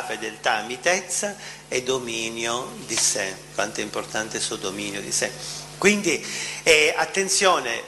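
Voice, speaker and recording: A man's voice: medium pitch, bright, forceful tone, slight background noise. Man preaching in an echoing hall. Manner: questioning, emphatic, repeats phrases. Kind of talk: sermon.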